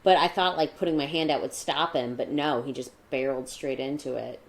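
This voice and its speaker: A woman's voice: very deep voice, steady tone, a little fast. A woman co-hosting a casual podcast, chatting in a rambling way with lots of "like", and sometimes slipping into a mock newscaster voice. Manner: chatty, rambling with many likes; mock newscaster voice in her cat segment. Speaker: podcast co-host. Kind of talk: casual chat.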